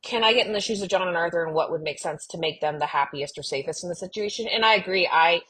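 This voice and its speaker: A woman co-hosts a casual fan discussion podcast, talking fast in an earnest, emphatic way and using "like" often. Her voice is lowish and fairly bright, with a breathy edge.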